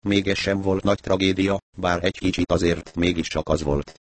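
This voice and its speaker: Male audiobook narrator, calm and even, very deep, dry close mic. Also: no room sound. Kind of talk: audiobook reading.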